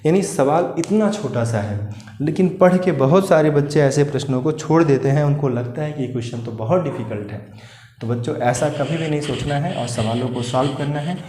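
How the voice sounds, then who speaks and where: A man's voice: on the high side, brisk, mellow, roomy sound. A male maths teacher taking exam students through volume problems step by step. He often asks a question and then answers it himself, and keeps calling his students "children". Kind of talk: exam-prep maths lesson.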